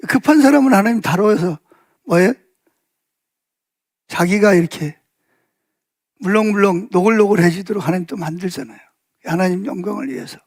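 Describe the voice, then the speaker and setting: A male pastor giving a Sunday afternoon sermon in a conversational storytelling way, full of fillers and asides, raising his pitch to act out quoted speech. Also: moderate pace, long pauses, no room sound, studio quality. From South Korea.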